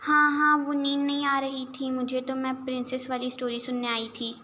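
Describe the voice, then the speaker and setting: A woman voicing a childish, innocent girl who pleads in a high, childlike way. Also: monotone, bright, forceful tone, slight background noise. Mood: pleading.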